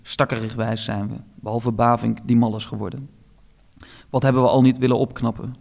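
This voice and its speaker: A man reading literary fiction aloud as an audiobook narrator, slow, measured and hushed. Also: mid-range voice, level tone, vocal fry. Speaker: audiobook reader.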